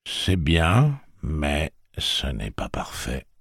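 A man voicing a tough woman gunslinger in a wheelchair, speaking intensely and deliberately in an audiobook. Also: extremely low pitch, wildly swooping pitch, creaky, a bit bright, husky, dry recording, studio quality, full character voice. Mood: measured.

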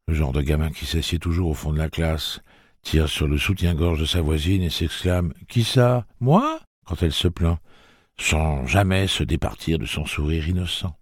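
A man narrating an audiobook in a measured, steady storytelling manner. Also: rumbling low, breathy edge, dry recording, clean studio sound.

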